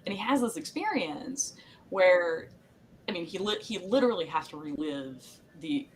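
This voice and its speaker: A woman's voice: fairly low pitch, expressive, moderate pace, slight background noise, rough recording. A woman co-hosting a podcast, recapping an episode in a chatty, meandering way with frequent laughs. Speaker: podcast co-host. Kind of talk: casual chat recapping a TV episode.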